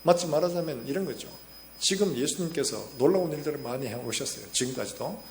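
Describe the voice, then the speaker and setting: A pastor preaches in a reverberant church hall, and a faint hum sits under the sound. His voice is slightly high for a man, with a gravelly edge. He tells stories and acts out the quotes. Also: lively intonation, fast talker. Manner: storytelling with acted-out quotes, rising and falling loudness. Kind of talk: sermon. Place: church sanctuary.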